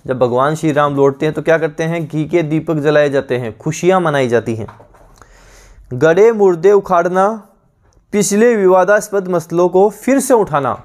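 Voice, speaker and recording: Guy teaching an exam prep class online, slightly high voice, says every word over and over. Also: moderate pace, darkish tone. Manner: repeats each word several times, drilling.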